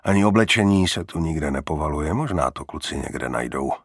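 A weary middle-aged police captain who answers curtly and gives little away, as a man reads him in an audiobook. The voice is very low, rough and husky. It sounds close and dry. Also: expressive, no echo, exaggerated voice. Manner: curt, dry, guarded. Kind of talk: audiobook character reading.

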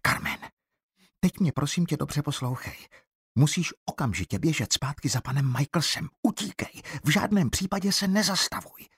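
A man's voice: a little high, lively intonation, a bit bright, slightly rough, dry recording, clean studio sound, pitched above the performer's own voice, exaggerated voice. A man voicing a tense woman teacher who gives urgent commands, in an audiobook. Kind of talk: audiobook character voice.

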